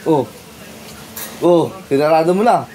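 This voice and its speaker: A man filming his dog at home, talking to it slowly and coaxingly in short questions. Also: a little high, a crowd in the background. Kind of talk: casual talk to a pet.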